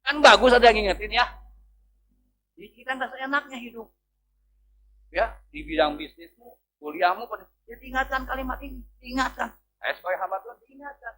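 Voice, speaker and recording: A middle-aged man, a pastor, preaching a sermon in a church with sudden loud and soft swings and questions for the congregation. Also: very high-pitched, animated, brisk, long pauses, slight background noise, poor audio.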